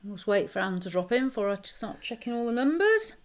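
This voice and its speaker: A woman's voice: a little high, very animated, fast talker. A woman chatting casually as co-host of a live online bingo game, checking on players. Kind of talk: casual live-stream chat.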